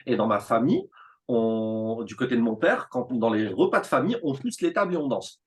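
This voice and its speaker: A man in his thirties, a teacher telling his school story in a relaxed interview, animated and full of fillers and restarts. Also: medium pitch, brisk. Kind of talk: casual conversational interview.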